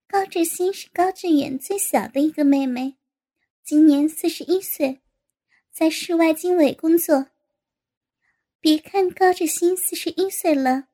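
A woman narrating a story in a steady, even reading voice. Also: sits high.

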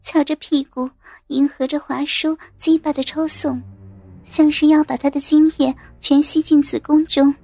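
A woman narrating a story in a steady, measured reading of short phrases. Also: high voice. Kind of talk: scripted audiobook narration.

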